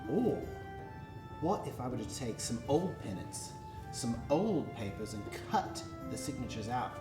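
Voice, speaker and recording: Man acting Pip, lively-voiced medieval forger. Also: medium pitch, measured pace. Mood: crafty. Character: Pip, brainy, cautious medieval forger and schemer. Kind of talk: loose improvised medieval role-play. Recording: echoey room, music over the talk.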